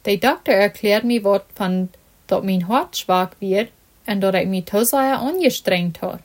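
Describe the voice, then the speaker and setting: A woman's voice: mid-range voice, a little slow, close to an everyday voice. A woman reading as a discouraged young footballer. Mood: dejected.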